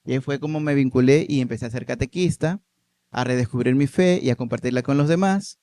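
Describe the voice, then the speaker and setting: A man, a priest, telling his personal story in a podcast interview, with animated storytelling and light laughs. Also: medium pitch, quick pace, no echo, studio quality.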